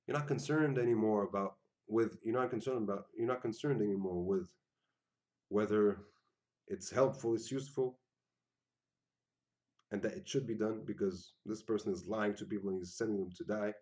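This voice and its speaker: A man giving an earnest, casual spiritual talk, often repeating himself and acting out quoted lines in sudden loud bursts. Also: lowish voice, normal speed. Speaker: spiritual teacher.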